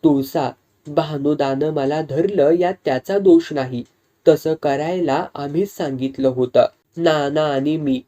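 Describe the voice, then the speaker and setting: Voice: mid-range voice, a little slow, dark tone, lightly acted. A storyteller voicing a frank village wife who earnestly explains things to her close friend. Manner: earnest, confiding, explaining at length. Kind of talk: storytelling with character voices.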